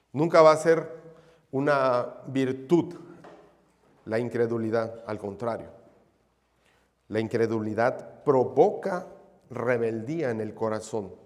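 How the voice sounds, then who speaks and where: A man's voice: medium pitch, a little mellow, in a large hall. A male pastor preaching a sermon. He calls his listeners brothers and repeats his key phrases. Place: church sanctuary.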